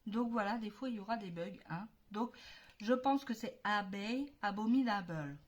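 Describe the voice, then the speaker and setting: A woman with a Spanish accent and a mid-range voice hosts a casual doll unboxing and craft tutorial at a moderate pace. As a doll-customizing vlogger, she's chatty and enthusiastic, dropping English words into her speech.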